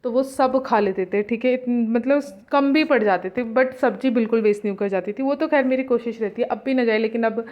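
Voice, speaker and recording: A young woman narrates a casual home vlog in a chatty, friendly flow, slipping English words into her talk. Her voice sits a touch high. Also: a little fast, hardly any pauses, muffled recording. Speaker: vlogger.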